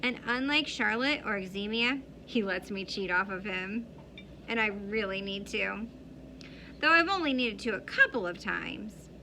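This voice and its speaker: A woman reading a story aloud in an expressive way. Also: mid-range voice, unhurried, a little hiss or hum, poor audio. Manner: expressive, shifting into character voices. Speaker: audiobook reader. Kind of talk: storybook read-aloud narration.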